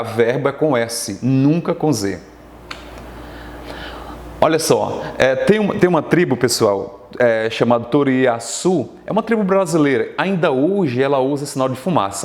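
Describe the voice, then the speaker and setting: A male teacher with a Brazilian Portuguese accent walks viewers through spelling rules on a televised lesson. His voice sits at a middle pitch and carries a noticeable room echo. He keeps tossing quick check-ins at the class as he explains. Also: expressive. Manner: explanatory, asks frequent check-ins to students. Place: studio classroom.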